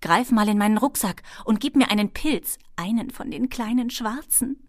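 A woman's voice: fairly high pitch, animated, normal speed, no room sound, studio quality, voice pushed up. Woman putting on a snappish bossy kobold girl. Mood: teasing. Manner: snappish, hissing. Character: cranky greedy kobold girl, bossy and stubborn.

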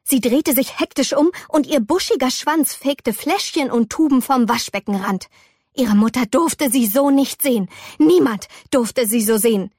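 A woman reading a children's story aloud in a slow, expressive storytelling manner. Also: high voice, husky, no echo, clean studio sound.

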